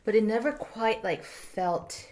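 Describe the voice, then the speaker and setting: A native Korean speaker in her thirties from South Korea guests on a podcast, chatting casually and reflectively yet with animation, and sprinkling in Korean words. Her voice is on the high side at a measured pace, with slight background noise.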